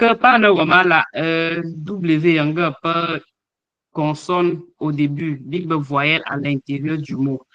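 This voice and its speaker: A man's voice: fairly high pitch, pushed and bright, no echo, muffled recording. A man teaching an online language lesson, hesitating often with fillers as he sounds out letters and example words. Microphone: online call microphone.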